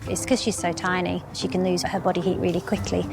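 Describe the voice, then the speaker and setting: Woman explaining animal care, talks quick and pretty flat, music behind her. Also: lowish voice, gravelly. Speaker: zoo animal care expert. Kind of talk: unscripted interview explanation.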